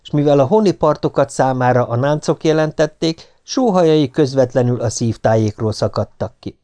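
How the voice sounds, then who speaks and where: A man's voice: mid-range voice, dark tone. A man reading a humorous novel aloud as an audiobook, telling it in a wry, ironic way. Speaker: audiobook reader.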